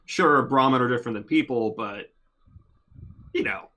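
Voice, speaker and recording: A man's voice: mid-range voice, moderate pace, pushed and bright. A man chatting casually as a player at a tabletop game.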